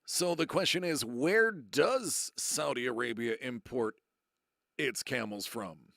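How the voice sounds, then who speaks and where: A man's voice: mid-range voice, vocal fry, fairly bright tone, no echo, studio quality. A man hosting a live-streamed trivia game show, reading questions and chatting with viewers in the chat, stretching out his dramatic answer reveals. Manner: playful, drawn-out dramatic reveals.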